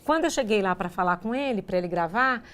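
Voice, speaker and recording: A woman with a Brazilian Portuguese accent talks to a group of educators about her art. She speaks conversationally at a middle pitch, slipping into other people's voices as she tells anecdotes and often checking in with tag questions. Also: expressive, fast talker, a bit bright. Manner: conversational, acts out dialogue, frequent tag questions. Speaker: artist giving a course talk. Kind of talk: lecture with anecdotes.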